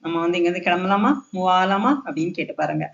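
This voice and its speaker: A spoken English teacher explains polite phrases, saying the English lines slowly and carefully and often checking that listeners follow. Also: medium pitch, steady tone, gravelly, muffled recording. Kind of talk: explaining a language lesson.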